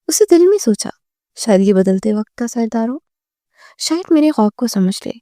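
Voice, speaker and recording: A woman narrating a romantic novel as an audiobook, with steady, measured storytelling on a close mic. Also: mid-range voice, no room sound.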